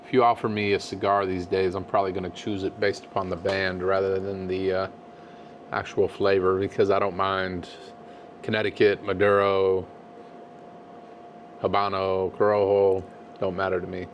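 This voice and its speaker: A man with a fairly low voice and a lot of gravelly fry talks in a laid-back, halting way. He sounds like the co-host of a casual cigar review, with a faint steady hum in the room.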